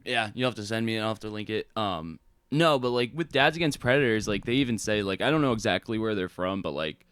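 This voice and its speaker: A young man co-hosting a podcast in casual chat, laid-back and agreeable, sometimes dropping to a quiet mumble. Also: fairly low pitch, lively intonation, fast talker, clean tone, dry recording, clean studio sound. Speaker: podcast co-host.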